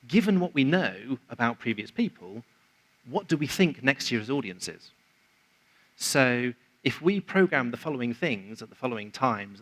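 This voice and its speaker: At a conference venue, a man gives a conversational, explanatory presentation, acting out quoted remarks from others as asides. His voice sits mid-range and a bit bright, and the recording is low quality.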